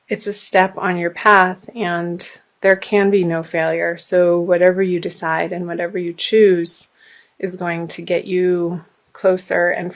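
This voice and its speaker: A woman reads tarot cards aloud in a gentle, reflective way, her somewhat low voice a little hoarse. She clears her throat now and then while reading guidance text. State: slightly hoarse, losing her voice. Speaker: tarot reader.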